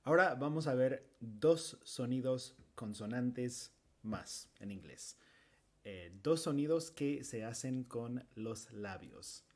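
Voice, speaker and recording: A man gives a pronunciation lesson at a very slow, deliberate pace. His pitch sits in a middle range. He patiently repeats each sound several times. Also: lively intonation, darkish tone. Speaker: pronunciation teacher. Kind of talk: language lesson.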